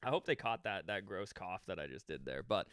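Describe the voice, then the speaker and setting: Smooth-voiced young man telling a story. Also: sits low, fairly quick, no room sound, clean studio sound. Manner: animated, profane, acts out quotes. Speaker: podcast co-host. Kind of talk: casual storytelling chat.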